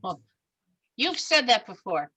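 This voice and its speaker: A woman's voice: medium pitch, sing-song, measured pace, crowd noise, poor audio. A woman leading an improv workshop over a video call. She is encouraging and upbeat, and she laughs often. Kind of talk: leading a group exercise.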